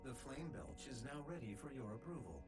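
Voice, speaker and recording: Man playing a calm AI assistant, measured, informative, lively intonation, loud game music behind. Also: medium pitch, lightly acted. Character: calm male artificial intelligence assistant.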